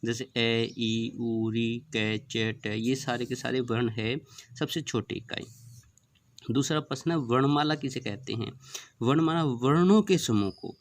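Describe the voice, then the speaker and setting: Gravelly man teaching a grammar lesson. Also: medium pitch, measured pace. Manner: asks questions and answers them himself; counts out and lists letters one by one. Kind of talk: classroom revision lesson.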